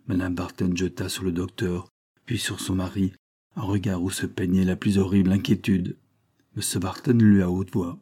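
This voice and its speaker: A man reading a classic literary story aloud in a measured, storytelling manner. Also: deep voice, flat delivery, mellow, breathy edge. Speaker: audiobook reader. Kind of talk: scripted narration of a 19th-century story.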